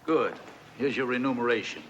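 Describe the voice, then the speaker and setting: An actor playing a condescending racketeer boss in a TV comedy, sly and patronizing. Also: male voice, medium pitch, brisk, fairly bright tone, muffled recording, slight background noise, close to an everyday voice. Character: smooth, condescending male racketeer boss of teenage hoodlums. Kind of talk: TV comedy villain acting.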